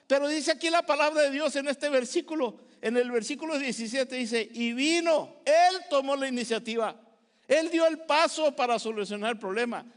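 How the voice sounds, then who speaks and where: A male pastor preaches with impassioned urgency, pleading with his congregation to act. His voice sits very high for a man. The sound carries a long reverb from the church sanctuary. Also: normal speed. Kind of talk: sermon.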